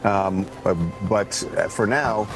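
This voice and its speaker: A man with a fairly low voice comments in a live news interview. He speaks haltingly, stopping and starting as he explains, with music clearly playing behind him. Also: rough recording. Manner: halting, hedging speech full of hesitations. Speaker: entertainment news producer and guest commentator.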